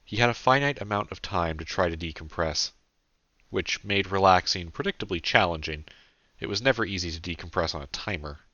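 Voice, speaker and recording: Male author-narrator, deep bright voice, earnest, dry close lo-fi recording. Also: brisk, no echo. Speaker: author narrating his own novel. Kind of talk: audiobook narration.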